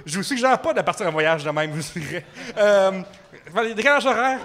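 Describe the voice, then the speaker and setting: A man with a Québécois accent spins a rambling story in a high, bright voice. He talks in an animated way, heavy on fillers and casual slang, recorded live for a podcast. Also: a little fast, a little hiss or hum. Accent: Québécois French. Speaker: guest storyteller. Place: microbrewery with live audience.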